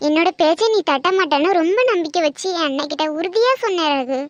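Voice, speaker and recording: A woman voicing a hurt middle-aged mother in an animated cartoon, pleading and reproachful. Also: high voice, normal speed, no echo, muffled recording, natural voice. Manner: reproachful, emotional.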